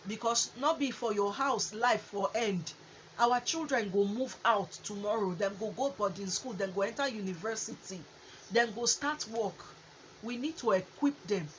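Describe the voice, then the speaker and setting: A woman with a Nigerian accent hosting a conversational advice talk in Nigerian Pidgin, with an animated way of explaining things. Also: medium pitch, normal speed. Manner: animated, acts out example exchanges. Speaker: host. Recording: muffled lo-fi audio with faint noise.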